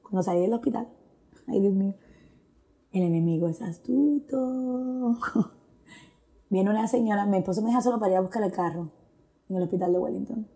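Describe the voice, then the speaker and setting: A woman's voice: mid-range voice, moderate pace, pauses often, dark tone. A woman telling a personal faith testimony in an earnest, reflective way, mixing in English phrases. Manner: mixes Spanish with English phrases; earnest, reflective, with frequent fillers. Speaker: guest sharing a testimony.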